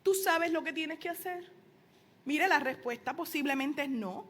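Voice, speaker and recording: A middle-aged woman pastor, preaching a sermon with emphatic rises and soft asides. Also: high-pitched, unhurried, slight background noise.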